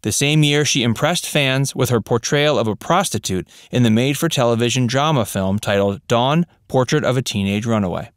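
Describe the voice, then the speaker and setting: A man's voice: mid-range voice, brisk, hardly any pauses, smooth, no room sound. Man reading a dry voice-over. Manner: even, read-out delivery of trivia facts. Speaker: narrator. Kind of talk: scripted narration.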